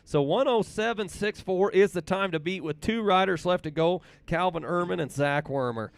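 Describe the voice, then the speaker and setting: A man's voice: sits high, creaky, smooth, no echo. Folksy man calling a snowmobile race. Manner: reads race times slowly and repeats them; folksy, chatty storytelling between runs. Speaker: race announcer. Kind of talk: live play-by-play commentary.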